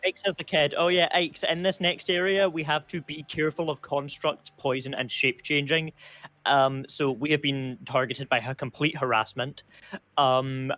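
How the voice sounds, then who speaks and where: A man's voice: on the high side, fairly even intonation, moderate pace, pushed and bright, dry recording. A man joking and teasing as a player in a tabletop game session. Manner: playful, teasing.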